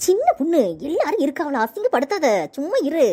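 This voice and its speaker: Woman doing a sharp-tongued gossipy village woman with a Tirunelveli accent. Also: very high-pitched, very animated, fairly quick. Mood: scolding. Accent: Tirunelveli Tamil. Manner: mocking, scolding, dramatic.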